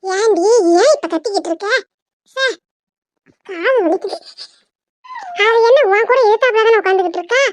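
A woman voicing a sharp-tongued village mother in a cartoon, nagging and sarcastic, with a southern Tamil Nadu accent. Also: extremely high pitch, moderate pace, pauses often, no room sound. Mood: teasing.

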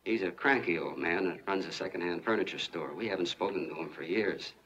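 An actor playing a folksy small-town soda jerk who tells a long, earnest, rambling story in 1940s film style. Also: male voice, low-pitched, a little fast, fairly bright tone. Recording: muffled, hissy 1940s film soundtrack.

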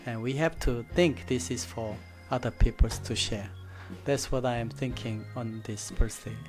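A middle-aged man with a Korean accent, a native Korean speaker giving an informal, reflective presentation in halting English at a desk microphone. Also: mid-range voice, soft background music. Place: studio desk with a virtual set. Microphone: desk gooseneck microphone.

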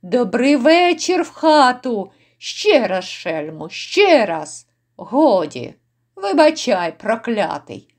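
A woman's voice: a little high, sing-song, slow pace, full character voice. A woman voicing rowdy, brutal drunken noblemen who jeer and bark orders. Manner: gruff, jeering shouts.

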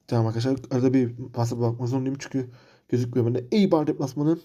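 A man's voice: medium pitch, fairly even intonation, racing, warm tone. A man commentating his football manager game career, frustrated and ranting, repeating himself. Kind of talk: let's-play commentary.

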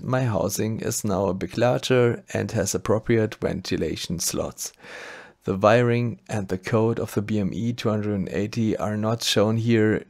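This maker channel host has a lowish voice with a darkish tone and a German accent. He reads a scripted electronics tutorial, methodically explaining it step by step.

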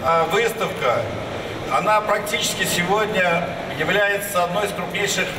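Hesitant high-voiced man in an echoey hall. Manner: halting, many filler hesitations. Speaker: interviewed industry speaker. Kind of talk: unscripted interview comment. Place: large exhibition hall. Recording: echoey hall, mic far off, noisy.

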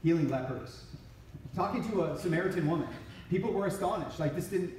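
Middle-aged male speaker, lively storyteller, slightly high voice, booming hall sound from a distance. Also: brisk, a little hiss or hum. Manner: storytelling, animated, acts out quoted lines. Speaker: regional ministry director. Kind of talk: inspirational talk to a conference. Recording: echoey hall from off-mic.

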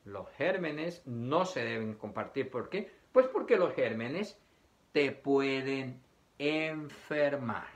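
A man's voice: mid-range voice, lively intonation, slow pace. A man teaching young children, reading a picture book aloud, asking them questions and acting out sneezes and coughs.

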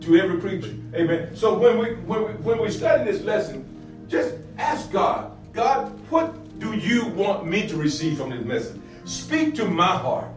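A middle-aged pastor teaches a sermon-style Bible lesson, repeating phrases and building to emphatic peaks. His voice is high and very animated, at a normal speed. The recording is roomy, with distant echo and faint music.

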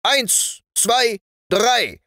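A man voicing a gruff, bossy toy-soldier sergeant who barks commands in a storybook reading. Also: extremely high pitch, lively intonation, very slow, sharp tone, no room sound, clean studio sound, pitched above the performer's own voice, full character voice. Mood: commanding. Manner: barked commands.

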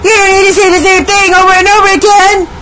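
Casting: a very high, squeaky cartoon mouse girl, indignant and exasperated, puppet comedy, some background noise. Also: level tone, fast talker, sharp tone. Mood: furious. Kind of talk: comic puppet prank-call skit.

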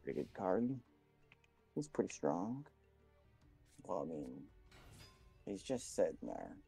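A man's voice: low-pitched, big pitch swings, takes it slowly, vocal fry, mellow, breathy edge, soft background music. A young man chatting casually with a friend while gaming, laid-back and swearing now and then.

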